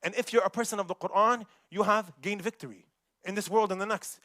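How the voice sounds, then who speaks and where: A man giving a Friday sermon, animated and quick, mixing Arabic recitation with casual street talk. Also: sits high, no echo, studio quality. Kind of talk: khutbah sermon. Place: mosque.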